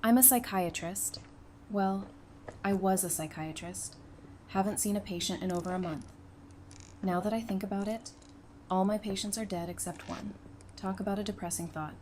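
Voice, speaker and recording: Talissa, a wry young woman and former psychiatrist, trades dry, teasing jabs in this fan audio drama, voiced by a woman in the middle range. The delivery is slightly mellow and natural, at normal speed but broken by long pauses, over a faint background noise.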